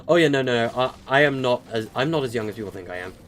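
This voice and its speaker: This is an eighteen-year-old man on a live game stream, talking casually with viewers and answering them in a rambling style with frequent fillers and stutters. His medium-pitched voice is expressive and fairly bright, he talks fast, and there's a little hiss or hum.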